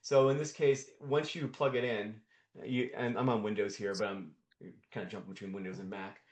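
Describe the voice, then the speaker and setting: A man presenting a live coding demo on a video call, thinking aloud with frequent restarts and repeated words. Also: medium pitch. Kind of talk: live screen-share demo. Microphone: video call mic. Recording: roomy echo.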